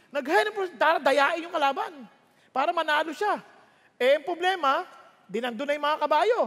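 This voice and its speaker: A preacher with a Filipino accent, giving a sermon with animated storytelling and mixing two languages. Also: high voice, in a large hall. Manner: animated storytelling, switching between Tagalog and English.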